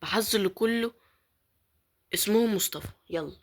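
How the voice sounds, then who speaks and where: A woman's voice: mid-range voice, normal speed. A woman with an Egyptian accent giving casual gameplay commentary, pleading and muttering prayers, often dropping to a whisper. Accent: Egyptian Arabic. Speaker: gaming YouTuber.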